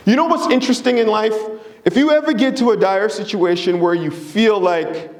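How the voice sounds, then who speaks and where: Male presenter with a slightly raised pitch, earnest and engaging, recorded with room echo. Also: normal speed. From Democratic Republic of Congo. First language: Swahili, Lingala and French. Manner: earnest, engaging, often checking in with "right?". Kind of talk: presentation to an audience.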